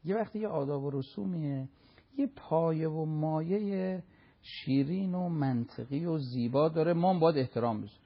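A man's voice: a little high, slightly rough, lo-fi sound. A man giving religious advice on a talk show, speaking fervently and scolding, sometimes acting out other people.

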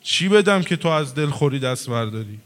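A man preaching a sermon and telling a religious story with animated delivery, acting out the characters he quotes. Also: mid-range voice.

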